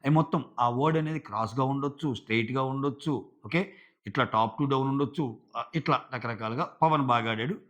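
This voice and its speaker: Male reviewer, casual rambling recap, mid-pitched voice, muffled lo-fi home recording. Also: fairly quick, a bit bright. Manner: chatty, filler-heavy retelling. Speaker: show reviewer.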